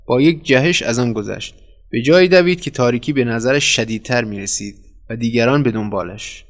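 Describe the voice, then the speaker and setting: A man narrating a short story aloud in a measured, dramatic way. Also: mid-range voice. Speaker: audiobook narrator. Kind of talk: scripted narration.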